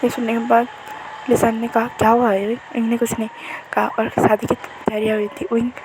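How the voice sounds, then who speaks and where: A woman narrates a romantic fan story close to the mic, her voice fairly high but held flat and even. She speaks softly and often drops to a near whisper, with a faint hiss under the recording. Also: a little fast. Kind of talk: casual fan-fiction narration.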